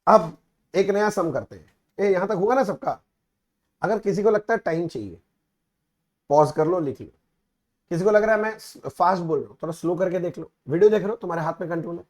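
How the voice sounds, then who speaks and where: Male accounts teacher with a high-pitched voice. Casual lecture delivery, mixes Hindi and English, keeps checking in with the class. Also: expressive, a little fast, pauses often, darkish tone. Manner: mixes Hindi and English, asks students frequent check-in questions. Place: recorded teaching video.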